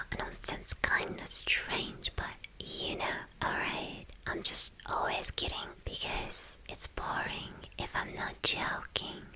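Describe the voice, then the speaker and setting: A woman gives a bright, forceful voice to a young female villain in an ASMR roleplay, playful and boastful. Her breathy, teasing whispers come in halting, repeated phrases with a coaxing, playful mood, and the recording is rough.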